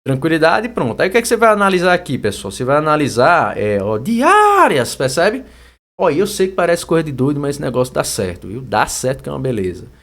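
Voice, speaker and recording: A young Brazilian man runs a chatty exam-prep grammar lesson, his voice sitting a bit high. His pitch swings widely as he talks, and he sometimes calls out a word loudly to show the stress. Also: big pitch swings, fast talker. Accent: Brazilian Portuguese. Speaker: teacher.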